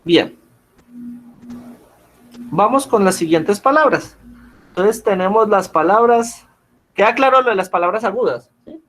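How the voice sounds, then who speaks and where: Male teacher, slightly high voice, patient and questioning, heard over a video call. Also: lively intonation, unhurried, long pauses, fairly bright tone. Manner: patient, checks in with frequent questions. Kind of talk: online class lesson.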